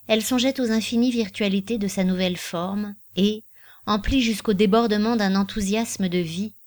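A woman reads a literary novel aloud as an audiobook narrator. Her reading is measured and expressive. Her pitch sits in the middle range.

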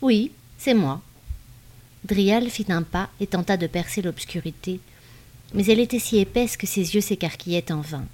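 A woman narrating a novel in a measured, even reading style. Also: mid-range voice. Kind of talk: audiobook narration.

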